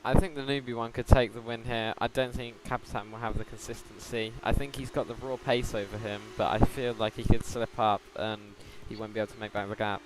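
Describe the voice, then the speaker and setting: A man's voice: medium pitch, fairly even intonation, a little fast, hardly any pauses, background noise. A man giving casual race analysis as a co-commentator.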